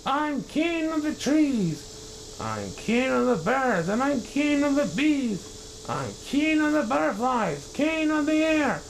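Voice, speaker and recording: A man voicing a pompous, boastful male turtle king, shouting his commands in a grand manner. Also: sing-song, slow, creaky, slight background noise, full character voice, poor audio. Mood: triumphant. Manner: shouting, grandiose, high and strained.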